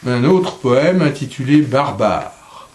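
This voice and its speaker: A man reciting poetry in a slow, solemn voice, letting line endings drop softly. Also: medium pitch, lively intonation, reverberant. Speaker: poetry reader.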